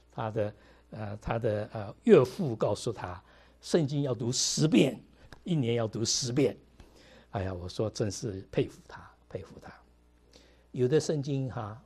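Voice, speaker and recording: Here the middle-aged pastor's mid-range voice sounds darkish and husky. His sermon stays conversational, peppered with fillers and English words as he addresses the congregation.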